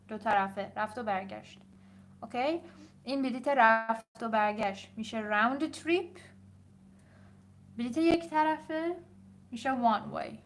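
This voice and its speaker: A young adult woman with a Persian accent, an English teacher talking casually while she grades her students' papers, reading items aloud slowly and then explaining quickly. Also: a little high, a little hiss or hum. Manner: switches between slow read-aloud and quick explaining.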